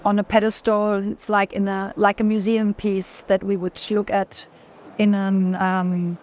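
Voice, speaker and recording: At an art fair, a woman who collects art talks about it in an unscripted walking conversation in a gallery, searching for words and rephrasing as she goes. Her mid-range voice is a little mellow, level in tone and measured in pace.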